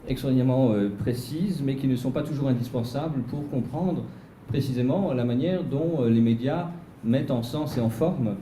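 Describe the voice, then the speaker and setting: A man's voice: medium pitch, moderate pace, warm tone, a little hiss or hum. Hesitant French-speaking man in echoey room. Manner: hesitant, many filler sounds and restarts. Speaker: seminar chair introducing the speaker. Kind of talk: academic introduction. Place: seminar room.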